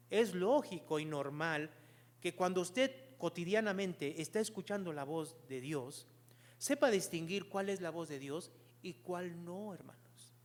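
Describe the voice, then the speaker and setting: High-voiced man preaching a sermon. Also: long reverb tail. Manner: asks the congregation rhetorical questions; earnest, explanatory preaching. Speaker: pastor.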